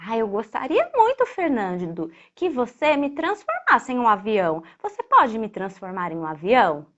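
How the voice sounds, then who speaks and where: A wistful talking kite from a children's storybook, acted out by a woman storyteller. It pleads in a childlike way, high and animated, in slightly muffled sound. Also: moderate pace. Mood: wistful, pleading. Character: wistful talking toy kite longing to be a plane.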